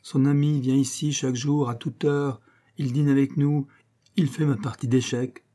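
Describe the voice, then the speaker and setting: A man's voice: medium pitch, fairly even intonation, normal speed, warm tone, pitched above the performer's own voice, close to an everyday voice. A man reading aloud, voicing a young baroness who complains plaintively about her husband. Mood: complaining.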